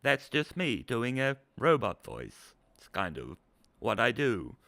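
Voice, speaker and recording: A man putting on a robotic text-to-speech computer voice, speaking on an in-breath in a flat, mechanical way. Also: medium pitch, takes it slowly, creaky, dry recording, exaggerated voice. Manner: monotone robotic delivery, spoken on an in-breath.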